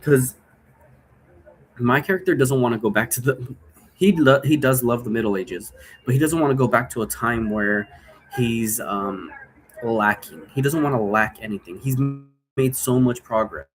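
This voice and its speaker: With a medium-pitched voice at a moderate pace, the role-play game creator improvises a loose, digressive explainer full of rhetorical questions. The recording is rough.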